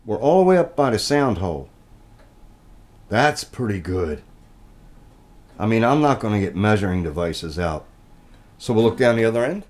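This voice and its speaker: Folksy man with a lively low voice. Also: moderate pace, long pauses. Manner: plainspoken, folksy, explains step by step. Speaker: guitar reviewer. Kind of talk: casual hands-on product walkthrough.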